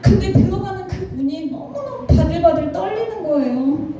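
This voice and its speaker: A woman around fifty giving an emotional personal testimony to an audience, talking in an animated way and often laughing as she speaks. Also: very high-pitched, normal speed. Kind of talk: storytelling talk to an audience with slides. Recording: very echoey hall, picked up from a distance, faint noise.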